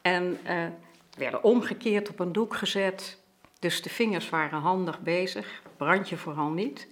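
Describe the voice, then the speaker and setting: An older woman slowly and lively telling a childhood memory, with many small hesitations. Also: fairly low pitch. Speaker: storyteller.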